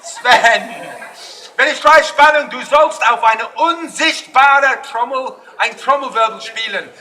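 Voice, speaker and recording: A man working as a street performer, joking loudly with a festival crowd in broken German mixed with English, often shouting. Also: very high-pitched, slow pace. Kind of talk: live street show banter with the crowd. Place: outdoor town square at a street festival. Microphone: no mic, filmed from a distance. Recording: distant outdoor camera audio with crowd and noise.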